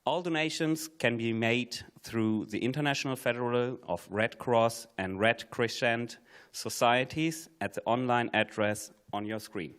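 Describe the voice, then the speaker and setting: A man delivering a formal, prepared podium speech to a room in a solemn, measured manner. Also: mid-range voice, fairly bright tone, smooth. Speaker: guest speaker from a sports organisation. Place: live at the front of a press conference room.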